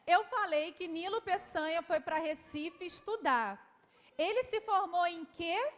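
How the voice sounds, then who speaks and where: At a public event in a large, reverberant hall with faint background noise, a Brazilian historian quizzes schoolchildren in a very high voice at a measured pace. Her manner is warm and coaxing, and she addresses the kids as "my love".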